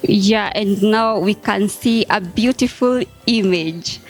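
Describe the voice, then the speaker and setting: A Kenyan woman hosting an interview show, speaking slowly and gently with frequent encouraging affirmations. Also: mid-range voice, faint music behind. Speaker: host.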